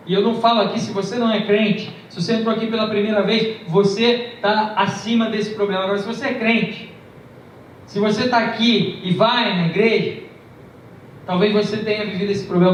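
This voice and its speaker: A man with a high voice delivers a storytelling sermon, emphatic and shifting in pace, inside a large church hall. The recording is distant, echoey and muffled, with slight background noise.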